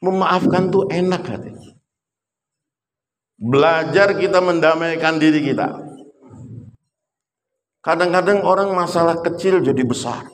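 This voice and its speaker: A man's voice: on the high side, a little slow, long pauses, slight background noise. A man preaching an after-prayer sermon, telling stories and acting out the voices of the people in them. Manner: storytelling, acts out quoted voices. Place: mosque. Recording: long reverb of a mosque hall.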